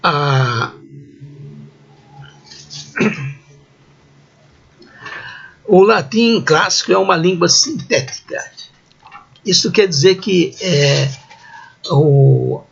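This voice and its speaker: A man's voice: on the high side, creaky, fairly bright tone, breathy edge. A middle-aged man teaching a recorded lesson, patient and drawn out when he sounds out example words. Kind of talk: recorded lecture. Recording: dull lo-fi recording.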